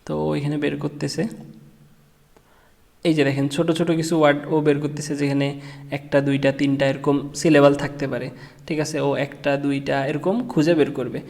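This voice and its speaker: Casual tutorial instructor, male, somewhat high voice, hesitant delivery full of fillers, echoing room. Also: little pitch movement, creaky, a little mellow. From Bangladesh. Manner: halting, many fillers and restarts. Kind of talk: casual screen-share tutorial. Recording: long reverb room.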